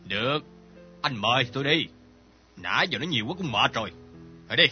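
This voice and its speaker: An actor playing a greedy, bullying old moneylender who turns cowardly, with a husky, blustering voice. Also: male voice, mid-range voice, lively intonation, fairly quick, natural voice. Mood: domineering. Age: older. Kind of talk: radio drama acting. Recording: dull lo-fi recording with faint music.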